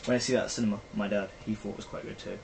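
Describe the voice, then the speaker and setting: A man's voice: lowish voice, steady tone, racing, gravelly. A young British man chatting casually and rambling about films, full of fillers. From Britain. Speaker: vlogger. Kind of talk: casual film review chat. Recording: faint background noise, poor-quality recording.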